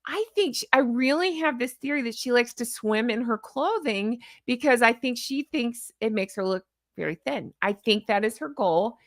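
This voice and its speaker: Chatty, higher-pitched woman with a honking voice. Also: lively intonation, moderate pace, hardly any pauses, dry recording, studio quality. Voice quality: honking voice, likened to a goose. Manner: chatty, jokey, exclamatory. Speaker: YouTube host. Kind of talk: casual livestream-style reaction commentary.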